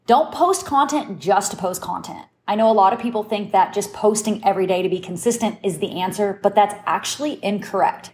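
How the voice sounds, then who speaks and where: A woman hosts a solo podcast and coaches her listeners with steady encouragement and emphasis. Her voice sits at an average pitch for a woman. The sound has the close, plain quality of a phone recording. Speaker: podcast host and agency founder. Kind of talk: solo business-advice podcast talk.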